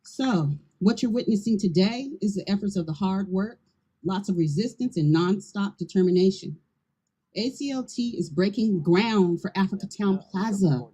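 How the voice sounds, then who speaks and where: A woman's voice: mid-range voice, lively intonation, moderate pace, warm tone, slight background noise, low-quality recording. A middle-aged woman, a community land trust leader, gives an earnest, rousing speech to a crowd at an outdoor ceremony into a handheld microphone. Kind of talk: public speech at an outdoor event.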